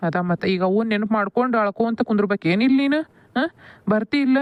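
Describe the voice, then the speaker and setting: A woman's voice: mid-range voice, fast, no echo, lightly acted. A woman voicing a kind, doting middle-aged village father in a cartoon, coaxing and affectionate, with a North Karnataka Kannada accent. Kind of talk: cartoon voice acting. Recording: dull lo-fi dry audio.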